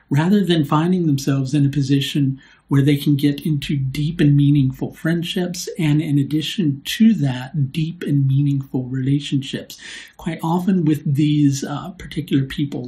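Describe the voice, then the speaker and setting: A man hosting his own astrology video, speaking in a mellow, unhurried voice. He explains at an easy conversational pace, often tagging his points with "right?" and pausing on small fillers. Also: on the high side. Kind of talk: solo explanatory video talk.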